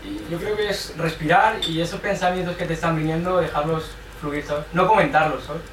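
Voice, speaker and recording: A man's voice: a little high, steady tone, fairly quick, fairly bright tone. A man, giving earnest advice in a group circle and often adding a tag question. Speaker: group participant. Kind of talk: reflective group sharing talk. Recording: echoey room from far off, faint noise.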